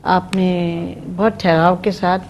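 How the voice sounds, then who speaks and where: Woman gently critiquing a singer. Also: on the low side, level tone, a little hiss or hum. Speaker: naat judge. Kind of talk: giving feedback on a performance. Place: TV studio.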